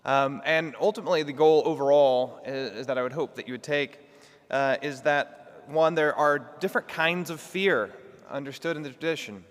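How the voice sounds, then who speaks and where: A man giving a lecture in a large church, talking quickly while he tries to slow down and project. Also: fairly high pitch. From Texas. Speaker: guest lecturer. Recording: long hall reverb in a church.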